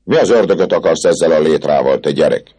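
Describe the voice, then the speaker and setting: Man voicing blustering beggar-king, rough husky shouting, swooping delivery. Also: extremely low pitch, lively intonation, pitched above the performer's own voice, heavily acted. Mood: angry. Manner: loud, scornful shouting. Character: gruff male vagabond king, blustering leader.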